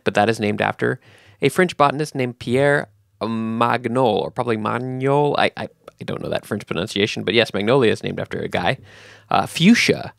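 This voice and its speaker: A man's voice: fairly low pitch, creaky, a bit bright, no room sound, studio quality. A man hosting a podcast in casual chat, rambling with many ums and restarts. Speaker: podcast host.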